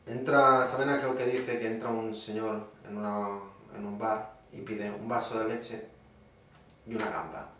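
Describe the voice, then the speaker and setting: Guy with a lowish voice telling jokes slow and dry, sounds far off the mic in a really echoey room. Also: little pitch movement, a bit bright, a little hiss or hum. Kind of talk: stand-up joke telling.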